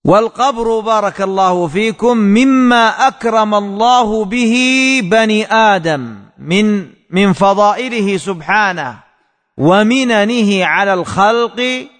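A man giving a religious lesson, explaining words slowly and repeating key terms back as questions to his students. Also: sits high, in a large hall. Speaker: religious teacher.

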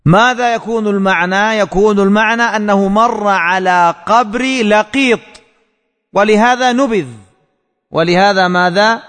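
A man giving a religious lesson, explaining words slowly and repeating key terms back as questions to his students. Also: high-pitched, a bit bright, big-room sound. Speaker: religious teacher.

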